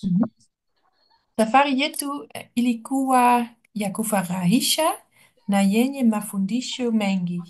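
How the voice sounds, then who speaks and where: Female language student, hesitant and searching, slow delivery with frequent fillers. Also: a little high, a little mellow. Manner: hesitant, thinking aloud with many uh fillers. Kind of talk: one-on-one language lesson.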